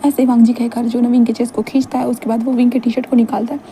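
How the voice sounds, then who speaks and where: A woman retells a fan fiction story in a loose, conversational way, her voice high yet dark and mellow. She strings the scenes together with everyday fillers. Faint noise lies under the recording. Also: flat delivery, rapid-fire, low-quality recording. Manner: conversational, fillers between lines.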